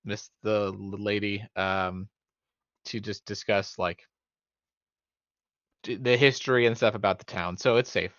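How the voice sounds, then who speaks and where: Low, dry-sounding male gamer. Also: steady tone, a little slow, long pauses, a bit bright, no echo. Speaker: tabletop game player. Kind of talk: casual in-game chat. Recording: slightly dull, muffled audio.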